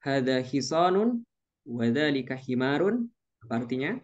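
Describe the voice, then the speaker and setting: A man teaches an online Arabic class and patiently stretches out each Arabic phrase. His voice has a middle pitch. The sound is muffled, like a lo-fi call. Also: big pitch swings, normal speed.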